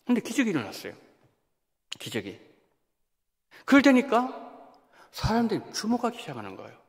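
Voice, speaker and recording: A man preaching a Sunday sermon as senior pastor, with an animated delivery that acts out quoted voices and asks the congregation questions, in a church sanctuary. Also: sits high, moderate pace. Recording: long reverb of a church sanctuary.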